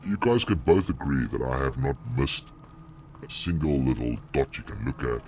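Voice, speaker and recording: A man's voice: expressive, normal speed, a little mellow, a little hiss or hum. A man streaming a horror game, his voice run through a demonic voice changer, swearing and jumping at scares while talking to his chat. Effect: deep, gravelly demonic voice changer. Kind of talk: live gameplay commentary.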